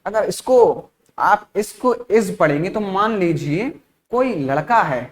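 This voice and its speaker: A male teacher from India leads a spoken-English class. He drills each word slowly and repeats it, poses questions and answers them himself, and adds short check-ins throughout to keep students with him. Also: high voice, expressive. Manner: repeats words slowly, asks and answers his own questions; frequent checking-in tag phrases.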